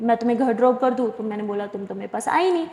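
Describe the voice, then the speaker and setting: A woman's voice: on the high side, lively intonation, racing, a little mellow. A woman voicing a tough, bossy young woman who fights hard and protects the girl she loves. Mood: protective. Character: tough young woman, a police officer's daughter. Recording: echoey room with long reverb.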